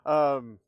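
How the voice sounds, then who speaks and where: A man with a voice on the high side chats loosely with viewers while streaming a game live. The studio-quality sound has no echo, though his streaming mic at maximum gain still captures clear background noise.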